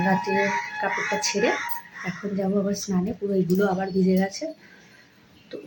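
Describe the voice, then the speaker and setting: Woman doing her daily vlog, chatty and hushed, mid pitch. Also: a little hiss or hum, rough recording. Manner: soft-spoken, hushed at times. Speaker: vlogger. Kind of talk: casual vlog narration.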